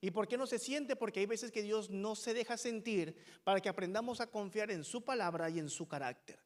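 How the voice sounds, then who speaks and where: A man's voice: high voice, fairly quick, in a large hall. A male pastor preaching a sermon in a church, emphatic and full of rhetorical questions to the congregation. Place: church sanctuary.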